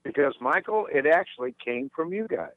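A man's voice: on the high side, expressive, brisk, no room sound. Man, over the phone, cheerful, chatty, tinny phone line. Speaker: caller and poet. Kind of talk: cheerful chat and poetry reading.

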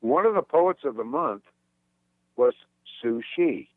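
A man's voice: medium pitch, lively intonation, slow, no room sound. A man talking over the phone as a caller, cheerful and chatty before reading his poem. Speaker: caller and poet. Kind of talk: cheerful chat and poetry reading. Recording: tinny phone line.

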